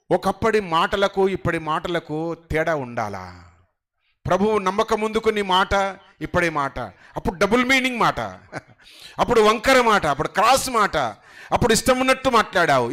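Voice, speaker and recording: A middle-aged male pastor delivers a sermon. His voice sits high and sounds bright and forceful. He shifts between hushed, chatty asides and loud, climbing bursts of emphasis. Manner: swings between soft asides and loud, rising emphatic preaching.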